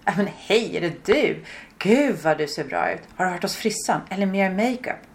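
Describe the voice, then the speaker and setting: A woman voicing an excitable, effusive fashion-loving woman in her late fifties who used to be a model. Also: mid-range voice, slight background noise, natural voice. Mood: gushing. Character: gushing fashion-loving woman near sixty, former model.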